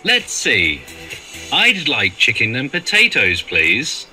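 A polite young male customer ordering his lunch, voiced by a man. He talks slowly in a bright, swooping voice. It sounds like a textbook audio clip with soft music in the background. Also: medium pitch, wildly swooping pitch, full character voice. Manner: polite and plain. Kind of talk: scripted textbook dialogue.

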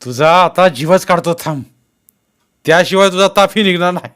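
A man's voice: sits high, slow pace, clean tone, pitched above the performer's own voice. A man doing a bellowing bully police constable. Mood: furious bullying. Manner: shouting, threatening, barking orders. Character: harsh bullying male village police constable. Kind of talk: storytelling read-aloud.

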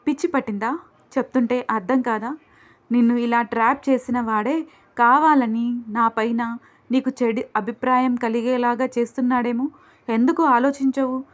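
A woman's voice: on the high side, fairly even intonation, moderate pace, natural voice. A woman voicing a bewildered young husband who speaks in an earnest, pleading way. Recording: dull lo-fi recording.

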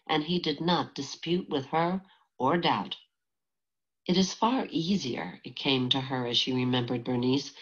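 A woman reading a novel aloud as an audiobook narrator, in a steady, measured way. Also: low voice, lo-fi sound. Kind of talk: scripted narration.

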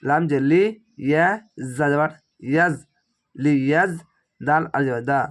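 A man's voice: fairly high pitch, moderate pace. A man with a slightly strained throat teaching Quran reading, spelling out Arabic syllables one by one and drawing out the recited words.

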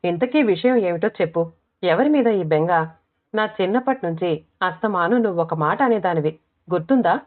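A woman's voice: fairly low pitch, lively intonation, brisk, lightly acted. A woman narrator voicing a headstrong young woman who has just become a mother, pert and insistent. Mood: teasing. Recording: tinny phone-like audio.

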